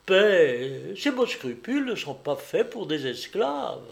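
Man putting on a shrill old sorceress, sharp-tongued, scolding, storybook voice, high and slow. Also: big pitch swings, vocal fry, exaggerated voice. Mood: harsh.

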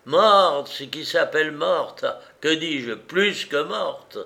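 A man's voice: fairly high pitch, animated, takes it slowly, creaky, pushed and bright, pitched above the performer's own voice, heavily acted. A man voicing a vicious crippled bandit who taunts with strident, cackling glee. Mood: gloating. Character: gloating crippled male bandit, vicious and shrill.

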